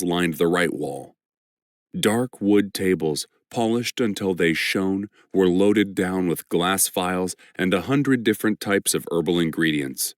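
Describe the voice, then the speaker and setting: A man narrating an audiobook in a measured first-person storytelling voice. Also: low voice, no echo, studio quality.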